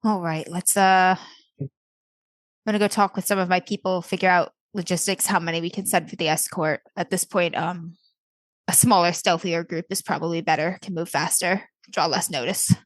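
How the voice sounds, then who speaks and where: A woman's voice: fairly low pitch, fairly even intonation, normal speed, dry recording. A woman playing a tabletop game, mixing casual role-play with table talk.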